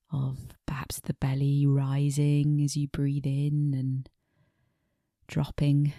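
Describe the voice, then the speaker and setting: A woman meditation teacher gently guides a body scan, unhurried and pausing between short phrases whose soft endings fade into breathiness. Her voice is low-pitched, and the recording is dry with clean studio sound.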